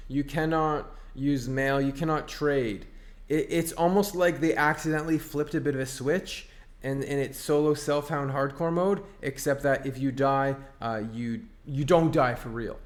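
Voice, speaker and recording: A man giving casual gameplay commentary as a streamer, ranting in an exasperated, sarcastic way. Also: fairly high pitch. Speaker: online game streamer.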